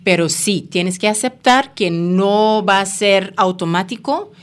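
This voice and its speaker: A woman's voice: mid-range voice, measured pace. Earnest Spanish-speaking woman guest. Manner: earnest, encouraging, sprinkles English words. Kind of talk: casual interview talk.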